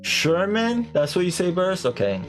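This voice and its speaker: A man's voice: sits high, sing-song, normal speed, soft background music. A man live-streaming a game, chatting casually and animatedly with viewers, laughing and swearing offhand.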